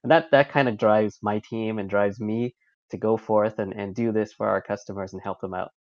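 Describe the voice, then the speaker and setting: A man speaking haltingly with many restarts and fillers as a panelist in a casual panel discussion. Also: fairly low pitch, steady tone, no echo, highs cut off. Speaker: incident response panelist.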